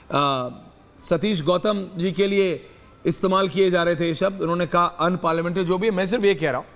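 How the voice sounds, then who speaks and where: A male news debate anchor with a fairly high voice, slipping English phrases into Hindi as he cues guests. The sound carries a long reverb tail. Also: a bit bright. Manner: mixes English phrases into Hindi, brisk cueing. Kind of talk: live TV debate hosting.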